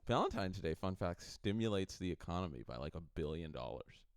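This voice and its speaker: A man in his late twenties co-hosting a podcast, chatting casually and telling stories in a joking, animated way. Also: low-pitched, fairly quick, gravelly, clean tone, no echo, studio quality. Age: late 20s. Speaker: podcast co-host. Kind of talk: casual chat.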